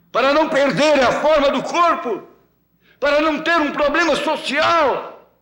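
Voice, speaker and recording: Brazilian man preaching, high voice, emphatic repeating cadence, roomy church sound. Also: fairly bright tone. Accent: Brazilian Portuguese. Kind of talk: sermon. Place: large church. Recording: echoey church archive recording.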